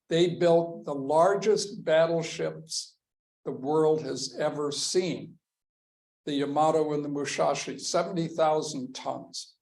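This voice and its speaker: A man giving a history lecture to a class, talking slowly and deliberately as he walks through slides. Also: a little high, darkish tone, rough recording. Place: lecture room with a class present.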